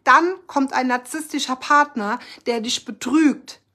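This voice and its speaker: A woman with a high, light voice talks straight to her viewers in a casual live chat. She sounds earnest and heartfelt, and her speech is full of fillers and self-corrections. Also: unhurried, bright, forceful tone. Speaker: speaker sharing her own experience of abusive relationships.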